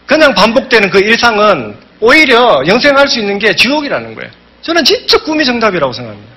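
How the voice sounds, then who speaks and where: With a high-pitched, breathy-edged voice, a man delivers a motivational business seminar speech. He's emphatic, animating his stories and performing the quotes within them.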